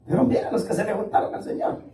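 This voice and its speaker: A man's voice: quick pace, warm tone, roomy sound, recorded from a distance, rough recording. A man preaching a sermon to his congregation in a casual, talkative way, calling listeners "brother". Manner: colloquial preaching, addresses listeners as "hermano". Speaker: pastor. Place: church.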